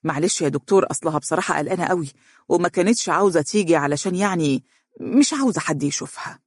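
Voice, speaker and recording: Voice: mid-range voice, rapid-fire, no room sound, lightly acted. Reader doing an anxious middle-aged Egyptian dad, apologetic, dry audiobook sound. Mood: worried. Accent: Egyptian Arabic. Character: worried middle-aged father.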